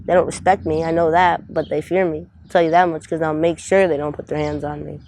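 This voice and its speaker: A woman's voice: deep voice, level tone, fairly quick, a little mellow, slight background noise, poor audio. A woman in her twenties, born in Trinidad, speaking bluntly and swearing freely in an outdoor street interview. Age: 20s.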